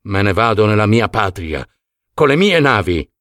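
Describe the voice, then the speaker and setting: A man's voice: fairly low pitch, sing-song, moderate pace, a bit bright, no room sound, studio quality. A man voicing a proud, angry young warrior hero who speaks sternly and with scorn, in a storybook reading. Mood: scornful.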